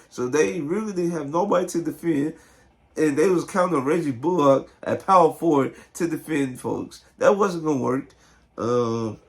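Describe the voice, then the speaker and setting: Hoarse guy doing casual slangy basketball talk, voice a bit high, kinda lost from a sore throat. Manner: informal, slangy, talks directly to viewers. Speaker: sports video host. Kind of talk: casual basketball commentary to camera.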